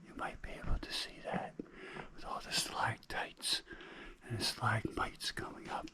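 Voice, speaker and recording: A man giving hushed, whispered vlog commentary while walking inside a cave. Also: normal speed. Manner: whispering, low and breathy. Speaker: travel vlogger. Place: inside a large dim cave.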